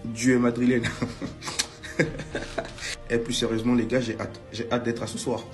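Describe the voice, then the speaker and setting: A man chatting calmly and wryly to viewers on match day, asking them questions. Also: mid-range voice, unhurried, music in the background. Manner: calm, wry, asks viewers questions. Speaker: football content creator. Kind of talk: casual match-day chat.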